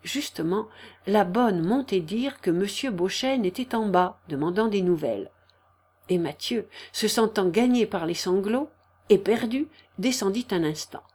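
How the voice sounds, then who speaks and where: A woman reading a classic novel aloud in a measured, expressive storytelling manner. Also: mid-range voice, husky. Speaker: audiobook narrator. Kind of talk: scripted literary narration.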